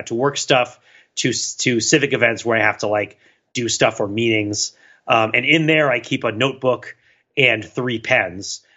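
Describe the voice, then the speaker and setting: A podcast co-host with a medium-pitched voice rambles through a casual conversation, animated, self-deprecating and prone to digressions. The recording is muffled.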